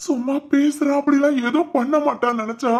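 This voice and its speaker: A woman voicing a worried middle-aged father in a Tamil cartoon drama, speaking gently and explaining. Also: high-pitched, steady tone, brisk.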